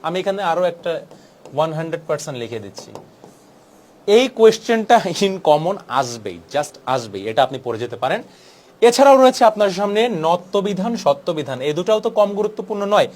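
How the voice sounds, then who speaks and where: Fast-talking young male exam tutor. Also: sits high, sing-song, darkish tone. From Bangladesh. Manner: brisk, persuasive, mixes English words into Bangla. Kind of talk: exam-prep lesson.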